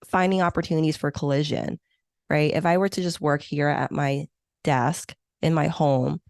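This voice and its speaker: Speaking as an interview guest, a meeting planner in her thirties—Hong Kong–born, U.S.-raised, first language Chinese or Vietnamese—uses a low, steady, darkish voice with vocal fry at a moderate pace. Her manner is enthusiastic and reflective, full of fillers, and the studio-quality audio has no room sound.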